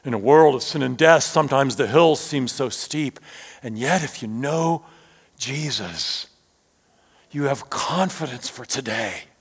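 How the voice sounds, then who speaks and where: Slow preacher guy in a big echoey church, pitch all over the place, goes loud then near whisper. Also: animated, vocal fry, breathy edge. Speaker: pastor. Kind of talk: sermon. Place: church sanctuary.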